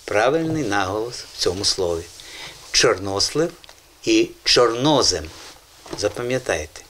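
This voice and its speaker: A man's voice: lowish voice, sing-song, measured pace, fairly bright tone, a little hiss or hum. A man hosting an educational children's TV show about language, explaining words patiently and encouraging the children in the studio. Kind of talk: educational TV presenting.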